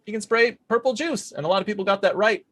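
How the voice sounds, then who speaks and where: An online trivia host with a high, fairly bright voice announces answers and leaderboard standings at a fast clip. His delivery is upbeat and chatty as he runs through the quiz results.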